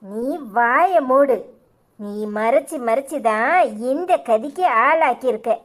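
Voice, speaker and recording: A woman's voice: sits high, lively intonation, slow pace, dark tone. A woman voicing an angry middle-aged mother-in-law in a cartoon, scolding and accusing with a Tirunelveli Tamil accent. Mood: furious.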